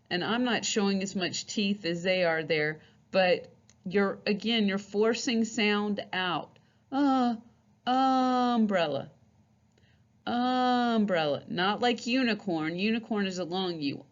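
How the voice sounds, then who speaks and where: A woman teaching a phonics lesson, patiently repeating each letter sound and explaining how the mouth forms it. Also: mid-range voice. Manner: slow, patient, repeats sounds many times. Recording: dull lo-fi recording.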